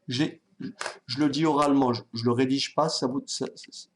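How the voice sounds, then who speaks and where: A man teaching a maths lesson, calm and patient, thinking aloud as he writes and often checking that his students follow. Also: medium pitch, moderate pace. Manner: talks directly to students, checks they follow. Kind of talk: online exam-prep lesson.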